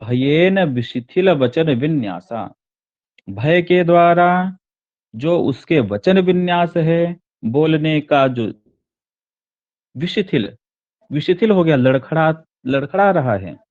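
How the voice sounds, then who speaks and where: A man's voice: on the high side, expressive, slow pace, long pauses, darkish tone, dull audio. A man teaching a Sanskrit text: he reads each line, then explains it word by word, repeating and correcting himself as he goes.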